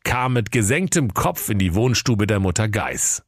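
A man's voice: on the low side, animated, normal speed, dry recording. A man narrating a comic fairy tale in a dry, playful storytelling manner.

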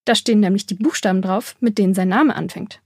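A woman voicing a bold, bossy yet kind young girl in an audiobook, with a breathy voice. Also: mid-range voice, darkish tone, no room sound, studio quality. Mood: stern. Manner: scolding then friendly, explaining slowly. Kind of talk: audiobook character voice.

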